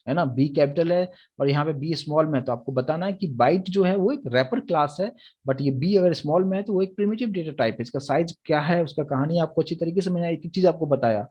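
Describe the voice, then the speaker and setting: A man's voice: on the high side, mellow, slightly rough, muffled recording. A young man teaching a programming lecture, explaining step by step and often checking that the students follow. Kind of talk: recorded Hindi lecture on Java.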